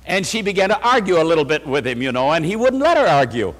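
A man's voice: a little high, big pitch swings, quick pace, in a large hall. A male preacher giving an emphatic sermon, calling his listeners friends and leading them through verses together.

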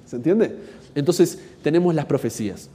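A man's voice: on the high side, animated, normal speed, mellow. Argentine man teaching in a reverberant hall. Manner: asks the audience rhetorical questions. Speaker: Bible workshop teacher. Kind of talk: teaching a workshop talk.

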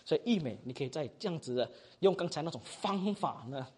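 一位马来西亚口音的男讲道老师在课堂上授课，说话生动随意，句尾常带"哈"。. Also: male voice, a little high, fairly quick, breathy edge. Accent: Malaysian Mandarin. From Malaysia. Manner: animated, chatty, ends phrases with 哈. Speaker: preaching instructor. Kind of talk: classroom teaching.

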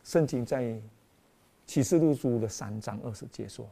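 A man's voice: mid-range voice, normal speed, gravelly, mellow, slightly rough. A man preaching a Christmas sermon with emotional, dramatic exclamations, often calling out to the congregation as brothers and sisters.

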